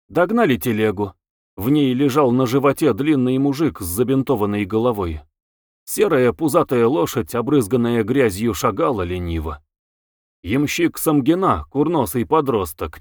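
A man narrating a classic novel in a measured, expressive audiobook reading. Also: mid-range voice, dry recording, studio quality.

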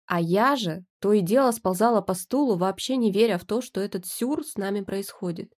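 A woman narrating a first-person audiobook in a lively, expressive reading voice. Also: mid-range voice, fairly quick. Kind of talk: scripted narration.

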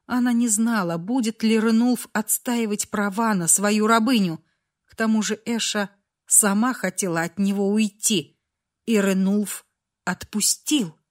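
A woman narrating a dramatic audiobook in a measured, expressive way. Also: mid-range voice.

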